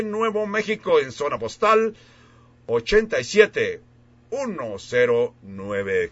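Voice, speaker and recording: A man preaching as a radio pastor, slowly leading his listeners in a solemn altar-call prayer they repeat after him. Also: medium pitch, a bit bright, no room sound, dull audio.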